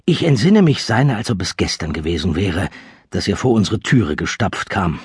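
A man reading an audiobook aloud as narrator, in a lively, expressive storytelling manner. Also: low-pitched, moderate pace, husky, no room sound, studio quality. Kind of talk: scripted narration.

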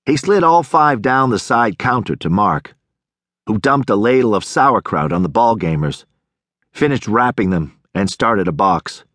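A man narrating an audiobook in expressive storytelling style, recorded close on a studio mic. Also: fairly low pitch, measured pace, no echo. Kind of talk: scripted narration.

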